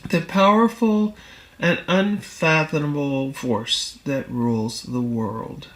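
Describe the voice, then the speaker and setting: A woman reads a spiritual text as an audiobook narrator, unhurried and deliberate in a mid-range pitch. The room she records in is reverberant.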